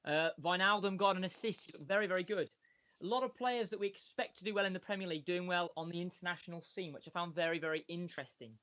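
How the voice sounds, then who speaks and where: A man's voice: sits high, quick pace, bright, forceful tone. A man co-hosting a podcast over a call without headphones, his voice muffled and hollow as if inside a fishbowl, talking eagerly and repeating points for emphasis. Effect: muffled, hollow sound as if inside a fishbowl. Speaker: podcast co-host. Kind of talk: casual chat. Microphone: Skype call without headphones. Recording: dull lo-fi internet call audio.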